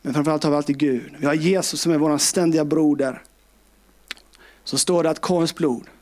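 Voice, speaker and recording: A middle-aged man preaching a sermon with passion, swinging between loud calls and hushed, tender tones. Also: a little high. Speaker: pastor.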